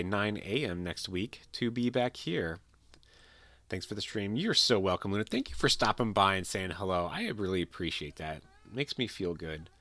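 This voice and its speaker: A man's voice: fairly low pitch, a bit bright, no echo. A man with a sick, nasal voice, chatting casually with viewers as he wraps up a game stream, rambling and repeating himself. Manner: rambling, repeats words and restarts sentences. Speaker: livestreamer. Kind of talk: casual stream chat while gaming.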